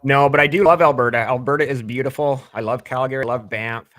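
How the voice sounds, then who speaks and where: Man in his fifties, casual podcast chat, animated, gets loud and high when worked up, dry close sound. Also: fast talker, no echo. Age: 50s. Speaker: podcast co-host. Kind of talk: casual political chat reading live comments.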